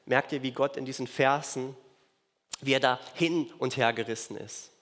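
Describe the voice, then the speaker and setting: A man's voice: medium pitch, fairly even intonation, normal speed, a bit bright. A man preaching a sermon in an earnest way, repeating key phrases for emphasis. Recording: long reverb of a large hall.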